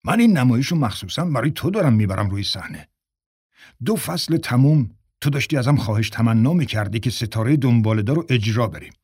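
A man's voice: medium pitch, lively intonation, a little mellow, husky, dry recording, studio quality. A man voicing a stern male theater director with a scolding manner.

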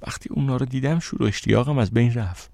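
A man narrating an audiobook in the first person with steady, measured storytelling. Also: mid-range voice, gravelly, no room sound.

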